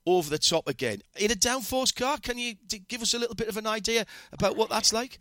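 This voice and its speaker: Male host, chatty, rambling questions, bright tone, dry close sound. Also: sits high, quick pace, dry recording. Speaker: podcast host, interviewer. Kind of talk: conversational interview.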